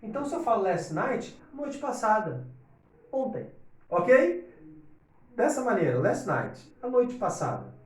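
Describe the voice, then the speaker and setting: Animated male English teacher, echoey room. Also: high-pitched, measured pace, pauses often. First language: Portuguese. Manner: animated, explains step by step, checks in with "ok?". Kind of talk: online English lesson. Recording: echoey room, distant from mic.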